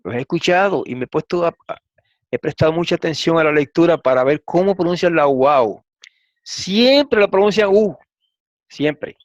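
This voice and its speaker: A man teaching a lesson, reading transliterated Hebrew and Greek slowly and asking frequent rhetorical questions. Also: on the high side, dry recording. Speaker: Bible teacher. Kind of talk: lecture explaining Hebrew and Greek texts. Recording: dull, slightly lo-fi and dry.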